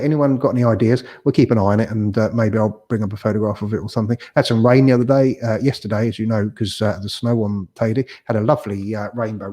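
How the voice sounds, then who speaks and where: A man's voice: on the low side, mellow. Chatty man rambling through live comments. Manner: rambling, chatty, filler-heavy, joking asides. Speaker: host of a live property stream. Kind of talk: casual live-stream chat, reading viewer comments. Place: home, garden nearby.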